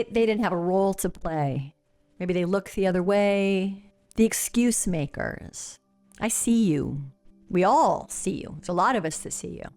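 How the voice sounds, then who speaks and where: A woman's voice: mid-range voice, darkish tone. Angry, blunt woman podcaster. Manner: blunt, angry and profane, with many fillers. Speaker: podcast host. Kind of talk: casual solo commentary.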